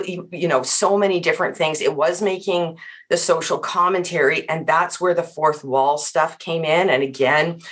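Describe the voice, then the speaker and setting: A middle-aged woman, a guest on a casual podcast discussion, animated and emphatic, with many fillers and restarts. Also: sits low.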